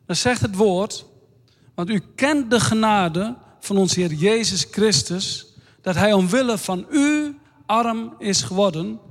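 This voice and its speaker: High-voiced man preaching in a reverberant hall. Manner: slow, earnest, reads scripture aloud. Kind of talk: sermon.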